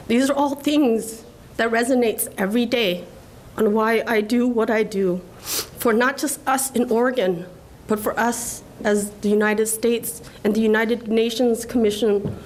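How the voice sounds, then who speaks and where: A woman's voice: a little high, steady tone, unhurried, darkish tone, a little hiss or hum, rough recording. A woman from Laos in her forties giving an earnest, emotional award acceptance speech at a podium. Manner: earnest, emotional, tearful at times. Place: government ceremony room.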